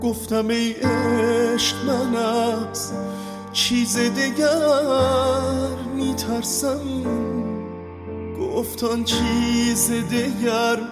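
Female singer, melodic classical poetry, echoing long reverb, loud music. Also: on the high side, level tone.

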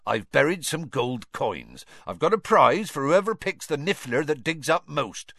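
A man's voice: on the high side, sing-song, unhurried, fairly bright tone, dry recording, voice pushed up, heavily acted. A man voicing a big, cheerful gamekeeper who clips his words, in a storybook reading. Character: huge gentle gamekeeper, rough and cheerful.

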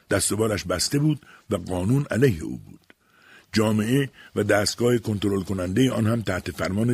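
A man reading an audiobook in measured, dramatic scripted narration. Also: fairly low pitch, a little mellow, slightly rough, no room sound.

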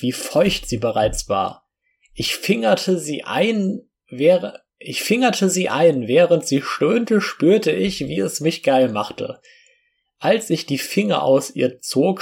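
Slow, gravelly male story reader. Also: a little high. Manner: slow, unhurried reading with small slips. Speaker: narrator. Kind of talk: first-person audiobook reading.

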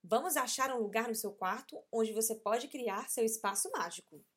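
A woman's voice: on the high side, animated, normal speed, breathy edge. A woman as a patient storybook mom. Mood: gentle. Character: patient, gentle storybook mother.

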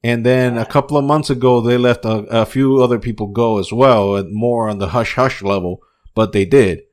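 A man's voice: medium pitch, normal speed. A man hosting a casual wrestling podcast, ranting with lots of swearing and some words. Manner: profane, animated ranting. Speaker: podcast host.

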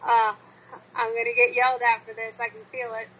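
Woman, fairly high voice, forceful bright tone, casual fan talk, dull recording with faint noise. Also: level tone, fairly quick.

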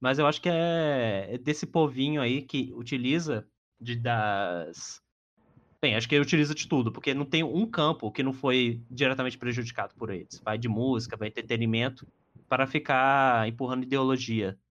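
A man's voice: medium pitch, moderate pace, fairly bright tone, highs cut off. A man with a Brazilian accent hosting a podcast in a casual, chatty style. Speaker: podcast host.

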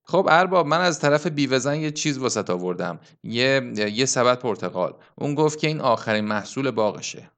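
A man reading an audiobook, voicing a cheeky young village errand boy in a quick, higher, eager voice. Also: expressive, fairly bright tone, natural voice.

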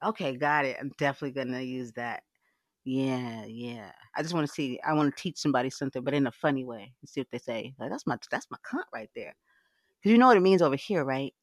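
A woman's voice: very deep voice, fast, no room sound. A woman hosting a casual live audio chat, frank and swearing freely, laughing often. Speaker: livecast host.

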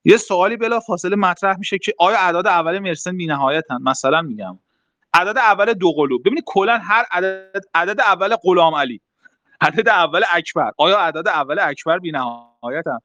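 A young man hosts a math talk online, casually explaining the mathematics to a group step by step with frequent fillers. His voice is high-pitched and sharp, the recording dry with faint music behind.

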